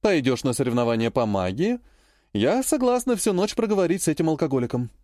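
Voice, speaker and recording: A man's voice: on the high side, sing-song, a little fast, dark tone, no echo. A man reading the lines of a cold, curt, proud woman in an audiobook, in a dry and clipped manner. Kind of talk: audiobook character voice.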